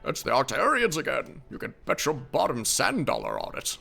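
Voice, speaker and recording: A man acts out a grumpy old captain from a video game, folksy and easily worked up. His old man voice creaks and leaps wildly in pitch. It is an eccentric veteran's voice, forever urging on a young recruit. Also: huge pitch swings, moderate pace, bright, forceful tone, faint music behind, heavily acted. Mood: grumbling. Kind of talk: reading video game dialogue aloud in character.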